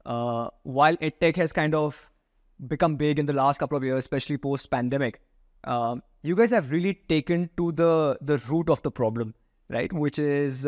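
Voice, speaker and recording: A man's voice: fairly high pitch, no room sound, studio quality. A man from India with an Indian accent, hosting and interviewing on a podcast.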